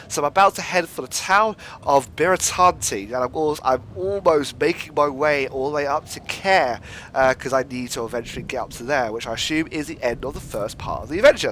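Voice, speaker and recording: Lively young man narrating a game. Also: mid-range voice, a little hiss or hum. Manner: upbeat, chatty, frequent fillers and restarts. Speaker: gaming video host. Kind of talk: casual gameplay commentary, reading game text aloud.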